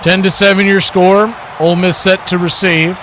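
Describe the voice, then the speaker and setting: Here the play-by-play announcer for an online watch party stream is an American man with a high-pitched, sharp voice, level in tone and at normal speed. He calls each football action in clipped short phrases, captured in a low-quality recording with clear background noise.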